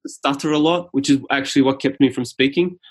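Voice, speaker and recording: A Serbian man, a native Serbian speaker, appears as a podcast guest in a reflective interview. His mid-range voice stays steady as he speaks in a thoughtful, measured, and earnest way.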